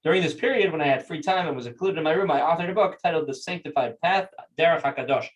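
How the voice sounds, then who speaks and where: A man, a rabbi, teaches a class by telling stories in an animated, conversational way. His voice is somewhat high for a man. He is picked up from a distance. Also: fast. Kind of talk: storytelling lesson. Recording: distant mic.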